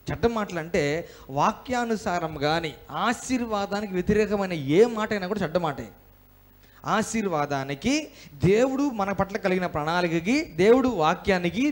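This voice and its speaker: A male pastor from India preaching a sermon in church. He speaks emphatically, asks the congregation questions and has them repeat lines after him. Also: high voice.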